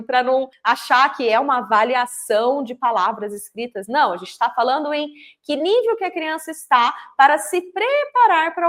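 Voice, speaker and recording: A Brazilian woman with a noticeably high voice teaches fellow educators about early reading skills. She talks in an animated, explanatory way. She stretches out example words to sound them out clearly. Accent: Brazilian Portuguese. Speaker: literacy teacher trainer.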